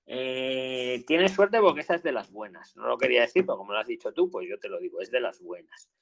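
A man with a gravelly Spain Spanish accent hosts a live call-in Q&A. He gives advice at a fast, chatty pace and repeats key phrases for emphasis. His voice sits in a middle pitch. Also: big pitch swings. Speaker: asylum advice host.

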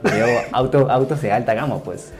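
A man with a Peruvian Spanish accent, a podcast host telling a work anecdote in a rambling, casual way that trails off quieter at the ends of phrases. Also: medium pitch, moderate pace, music in the background. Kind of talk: casual storytelling.

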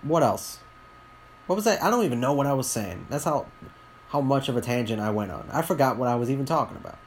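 A man, talking alone on his podcast in a rambling, candid way, often halting and restarting his sentences. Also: mid-range voice, expressive, a little hiss or hum. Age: 20s. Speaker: podcast host. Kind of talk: solo podcast monologue.

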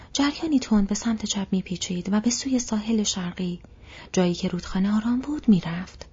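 A woman reading a novel in steady whispered audiobook narration, her voice very breathy and airy. The recording sounds dull and lo-fi. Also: mid-range voice.

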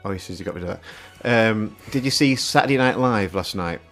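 A slightly low-voiced man co-hosts a radio show. He talks in casual, rambling chat and drifts into long stories. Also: a little fast, fairly bright tone, soft background music. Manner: chatty, rambling storyteller. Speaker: radio co-host.

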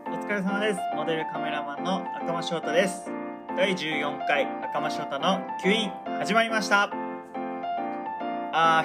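Young man from Hokkaido, casual solo podcast host, slightly high voice, meandering self-mocking chatter. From Hokkaido, Japan. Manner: rambling, chatty, loses his thread and laughs at himself. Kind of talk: casual solo radio chat.

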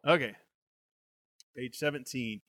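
A man's voice: medium pitch, takes it slowly, a bit bright, no room sound. A young man co-hosting a show, reading a gamebook aloud with banter and frequent laughs. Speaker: podcast co-host reading a gamebook.

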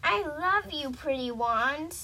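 A bossy, theatrical little girl who loves pink, calling out orders and rhymes in a high, bright voice, as a woman reading a storybook puts her on. Her lines are slow and loud, made for a children's picture book. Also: lively intonation, far from the mic, slight background noise, exaggerated voice. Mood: commanding. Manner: commanding, theatrical.

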